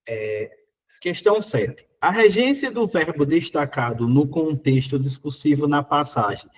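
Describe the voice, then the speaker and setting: A man's voice: on the high side, animated, unhurried, lo-fi sound. A Brazilian Portuguese man teaching, working through exam questions in a casual, conversational way, full of little fillers.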